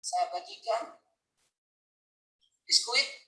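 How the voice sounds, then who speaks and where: A man preaching a sermon, telling a story with deep emotion and speaking straight to his listeners. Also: drawn-out words, sharp tone, roomy sound, rough recording. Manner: emotional, earnest storytelling, addresses listeners directly. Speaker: Islamic preacher. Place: mosque hall.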